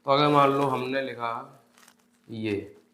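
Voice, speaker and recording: A man's voice: mid-range voice, fairly even intonation, slow, sharp tone. A man teaching Hindi grammar for an exam-prep class. He asks the class questions, answers them himself and drills each term by repeating it. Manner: calls the students "bhai", drills terms by repetition. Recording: echoey room.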